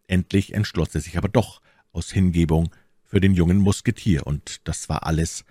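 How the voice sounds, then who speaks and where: A man narrating a classic novel as an audiobook in a measured, even manner. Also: low-pitched, no echo.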